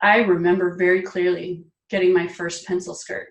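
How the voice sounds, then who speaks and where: Woman, forties, interview guest, animated, emphatic, distant mic, echoey room. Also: lowish voice, moderate pace, vocal fry. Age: 40s. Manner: animated and emphatic, laughing often. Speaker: guest, personal style expert. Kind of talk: casual interview chat.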